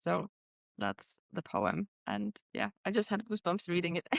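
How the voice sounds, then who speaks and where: A woman's voice: fairly low pitch, big pitch swings, measured pace, vocal fry, no echo, lo-fi sound. A woman from Lithuania, a guest and co-author chatting casually on a podcast, talking with lots of fillers and frequent laughter. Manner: warm, laughs often, flowing with fillers like "like".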